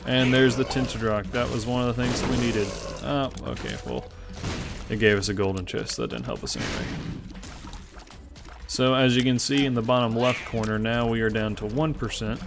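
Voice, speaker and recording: Over music, a twenty-something gaming host from Memphis, Tennessee, speaks in a creaky, mid-range voice at a moderate pace. His Southern-accented commentary on his gameplay is laid-back and self-mocking, often drifting into rambles.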